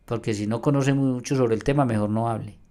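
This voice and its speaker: A man's voice: mid-range voice, fairly even intonation, fairly quick, mellow. A man teaching from the Bible in a video response. He reads verses aloud with emphasis and argues directly with another pastor. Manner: addresses a rival pastor directly.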